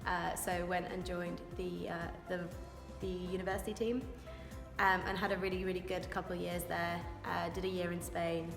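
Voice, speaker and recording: A young Welsh rugby scrum-half answers interview questions in a lowish, creaky voice, flat in delivery and moderate in pace. She comes across as chatty, eager and informal. The echoey hall adds long reverb, with music playing behind her.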